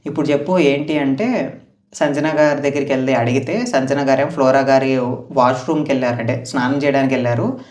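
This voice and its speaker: A man's voice: mid-range voice, a little fast, darkish tone. Chatty man recapping, echoey room. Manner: chatty, retells house dialogue in quotes, opinionated asides. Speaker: show reviewer. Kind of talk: casual recap commentary. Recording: roomy echo, voice far from mic.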